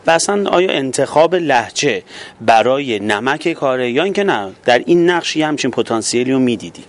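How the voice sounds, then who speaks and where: A man's voice: medium pitch, expressive. A man interviewing stage actors, posing long questions in a friendly way.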